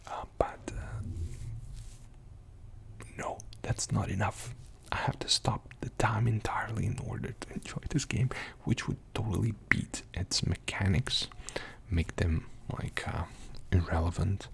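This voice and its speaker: Young male ASMR host, soft rambling whisper, low and gravelly, mostly breath with little voice. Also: unhurried. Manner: soft, rambling, with many fillers. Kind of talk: whispered ASMR game show-and-tell.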